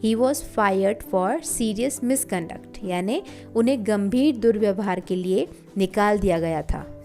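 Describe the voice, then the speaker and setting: Indian-accented woman tutor, deliberate and slow, steady mid pitch, faint music underneath. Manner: reads English example sentences slowly and clearly, then explains in Hindi. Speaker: English vocabulary teacher. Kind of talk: Hindi-English vocabulary lesson.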